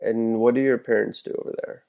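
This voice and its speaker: A man's voice: medium pitch, steady tone, brisk, vocal fry. A man interviewing someone in a casual, conversational way, often restarting and repeating the openings of his phrases. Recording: dull, muffled sound.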